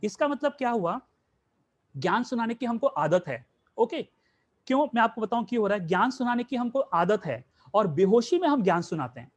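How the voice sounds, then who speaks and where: A man's voice: high voice, sing-song, a little fast. A man teaching a spiritual class, asking rhetorical questions and answering them himself, mixing in English words.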